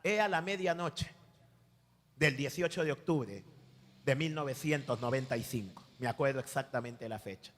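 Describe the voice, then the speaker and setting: A man in his forties with a Peruvian accent gives a lively sermon testimony, acting out dialogue and calling listeners brother. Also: mid-range voice, moderate pace, long reverb tail. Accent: Peruvian Spanish. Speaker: preacher giving testimony.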